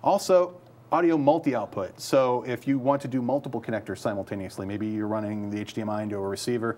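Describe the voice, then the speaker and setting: A man in his thirties co-hosting a tech show, chatting casually with quick, upbeat explanations and laughing asides. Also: mid-range voice, fairly even intonation, darkish tone. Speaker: co-host.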